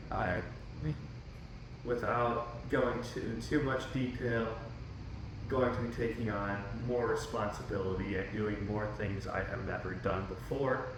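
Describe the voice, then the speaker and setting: Thoughtful podcast guy, steady low voice, bit of hiss behind. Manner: measured and thoughtful, short agreeing replies. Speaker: podcast co-host. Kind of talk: casual podcast chat. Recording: echoey room with faint noise.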